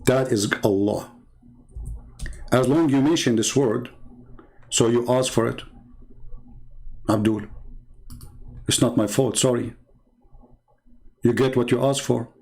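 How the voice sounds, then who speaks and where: A middle-aged man with an Arabic accent argues with online commenters in combative commentary, mocking and scornful with sarcastic laughs. His medium-pitched voice is a little mellow, with vocal fry, a slow pace, and frequent pauses.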